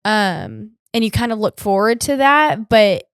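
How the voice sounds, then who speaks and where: A woman's voice: mid-range voice, lively intonation, a little slow, clean tone, no room sound, clean studio sound. A young woman co-hosting a casual podcast, chatting and reading listener questions, with frequent laughs and fillers. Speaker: podcast co-host.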